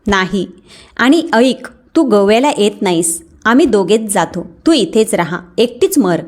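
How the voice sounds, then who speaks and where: A woman's voice: mid-range voice, animated, measured pace. A woman voicing a harsh, demanding grown son. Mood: angry. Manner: harsh, shouting at times.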